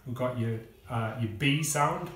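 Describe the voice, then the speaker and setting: A man giving a casual music lesson, explaining step by step with pauses and fillers. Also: mid-range voice, distant mic, noisy background. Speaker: music teacher. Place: kitchen. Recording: echoey room, speaker away from the mic.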